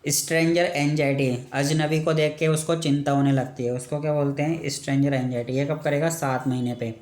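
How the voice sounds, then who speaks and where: A man gives an exam-prep medical lecture, his voice sitting a little high for a man. He works in a repeated question-and-answer rhythm and ends points with a checking aside. The sound carries a noticeable room echo. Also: steady tone, fairly quick, a little mellow.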